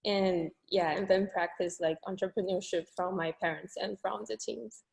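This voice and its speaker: A woman's voice: mid-range voice, steady tone, normal speed, gravelly, darkish tone, poor audio. A woman who works as an interior designer, giving a shy, giggly introduction on a webinar. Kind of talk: brief self-introduction on a webinar.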